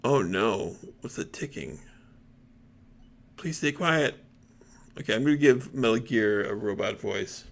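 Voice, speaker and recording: A man's voice: on the low side, animated, a little slow, vocal fry, long pauses. A man streaming a game, reading dialogue aloud with chatty asides.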